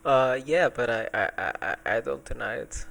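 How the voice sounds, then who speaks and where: A hesitant, stammering man chats casually as he hosts a live stream, his voice set in the left channel so it sounds in one ear only. His tone is gravelly with a good deal of vocal fry, and a faint hiss runs under it. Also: medium pitch, animated, moderate pace, a bit bright. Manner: hesitant, stammering with many ums and repeated words. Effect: voice heard in one ear only, left channel. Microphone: streaming desk mic, fault sends it to one side.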